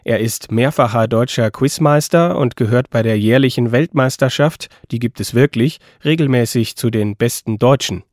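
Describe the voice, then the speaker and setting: A man reading a scripted documentary voice-over in an even, informative tone. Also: medium pitch, moderate pace, hardly any pauses, no echo, clean studio sound. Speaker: documentary narrator.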